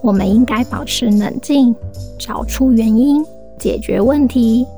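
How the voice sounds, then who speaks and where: A woman with a Taiwanese Mandarin accent narrating a storybook for children, in a gentle, explanatory way. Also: fairly high pitch, unhurried. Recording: music bed behind the voice. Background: soft background music.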